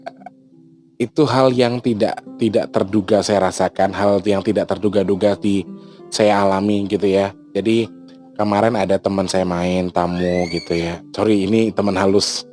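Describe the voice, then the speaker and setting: A man hosting a casual storytelling vlog, talking in an animated way with frequent exclamations. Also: low-pitched, normal speed, faint music behind. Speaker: channel host.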